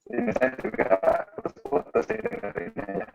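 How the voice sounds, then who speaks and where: A man giving an online presentation, his voice cutting in and out over a choppy video call, talking haltingly with many fillers. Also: extremely high pitch, huge pitch swings, gravelly, muffled recording, music in the background. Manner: halting, with frequent fillers and restarts. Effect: choppy, breaking-up video call audio. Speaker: webinar presenter. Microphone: computer mic on a video call.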